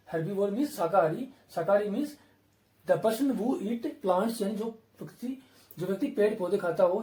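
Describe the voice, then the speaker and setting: Male exam-prep tutor, Indian English accent, high mellow voice, repetitive drilling delivery, roomy recording from a distance. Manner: repetitive, asks and answers his own questions. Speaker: English vocabulary teacher.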